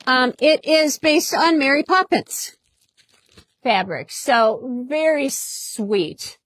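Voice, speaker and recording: A woman's voice: high-pitched, lively intonation, slow pace, fairly bright tone, dry recording. Chatty upbeat woman in a fabric shop. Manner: chatty, upbeat, repeats herself. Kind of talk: casual product demonstration.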